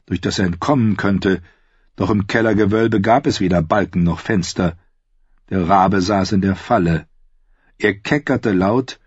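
A man narrating a fantasy story in a steady storytelling manner. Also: fairly low pitch, husky, dry recording, highs cut off. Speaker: audiobook narrator.

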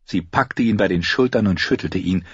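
A man reading a fantasy novel aloud as an audiobook narrator, in an expressive narration style. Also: sits low, moderate pace, husky, no room sound, dull audio.

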